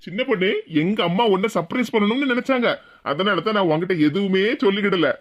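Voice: medium pitch, fast, close to an everyday voice. Someone voicing a laid-back young husband. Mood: placating. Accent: Tirunelveli Tamil. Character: easygoing young husband, good-natured son. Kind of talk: cartoon voice acting.

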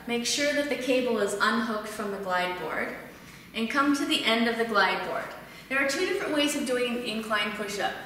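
A woman in her thirties leads a home exercise lesson, calmly cueing each breath and movement. Her voice is bright and fairly high. She is recorded from a distance, so the tiled room echoes around her with a long tail. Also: slight background noise. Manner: calm step-by-step cueing of breath and form. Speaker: fitness instructor. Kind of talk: instructional exercise demonstration.

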